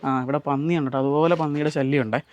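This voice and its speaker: കേരളത്തിൽ നിന്നുള്ള ഒരു പുരുഷൻ, മലയാളി ഉച്ചാരണത്തോടെ, ഒരു കൃഷിയിടത്തിൽ നിന്ന് ക്യാമറയോട് സംസാരിച്ച് കാഴ്ചകൾ വിശദീകരിക്കുന്ന vlogger. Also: male voice, a little high, fairly even intonation, racing. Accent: Malayali. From Kerala. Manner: chatty, explains to viewers and mixes in Tamil words. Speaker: vlogger. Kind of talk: casual walk-through vlog. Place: outdoors on a farm.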